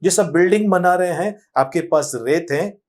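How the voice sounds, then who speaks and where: A man's voice: high-pitched, normal speed, a little mellow. A man preaching a storytelling sermon as pastor, often calling out to the congregation. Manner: storytelling sermon, repeatedly addressing the congregation as beloved.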